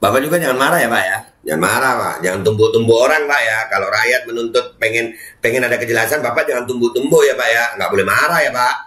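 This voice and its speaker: A man's voice: medium pitch, fast talker, pushed and bright, roomy sound. A man reading news aloud and mocking it, sarcastically addressing an official as "Pak" again and again. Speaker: political commentary vlogger.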